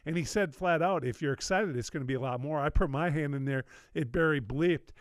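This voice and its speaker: Brief: chatty male host, slightly high voice, dry close sound. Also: a little fast, no room sound. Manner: chatty, filler-heavy, rambling. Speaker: podcast host. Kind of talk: casual interview chat.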